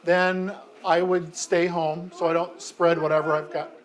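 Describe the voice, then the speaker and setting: Slightly high in pitch, level in tone, and a little slow, an American man in his fifties who serves as mayor answers kids' questions in an elementary school classroom. His manner is friendly and chatty, with plenty of ums and self-corrections.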